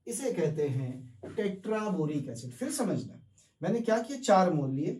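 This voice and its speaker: A man's voice: sits high, big pitch swings, moderate pace, a little mellow, distant mic, slight background noise. A man teaching chemistry, explaining step by step, asking questions and answering them himself, with English terms mixed into his speech. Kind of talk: classroom lecture. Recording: echoey room, voice off-mic.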